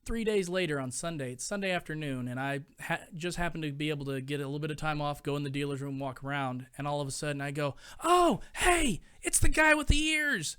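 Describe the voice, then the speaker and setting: A man's voice: on the high side, steady tone, fast, few pauses, smooth. A young adult man hosting a live stream, telling stories to his chat in a chatty, rambling way with lots of fillers. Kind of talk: casual storytelling to a live chat.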